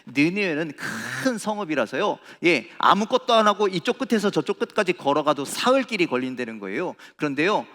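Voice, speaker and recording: A middle-aged man preaching a sermon as pastor, animated, acting out quoted prayers in a raised voice. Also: on the high side. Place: large church sanctuary. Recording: reverberant church hall.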